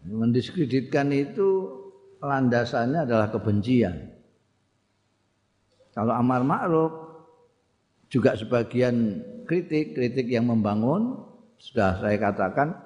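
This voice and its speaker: Javanese-accented preacher in a reverberant hall. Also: male voice, medium pitch, lively intonation, measured pace, long pauses, darkish tone. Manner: chants Arabic phrases, then explains plainly. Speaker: religious teacher. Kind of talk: conversational sermon.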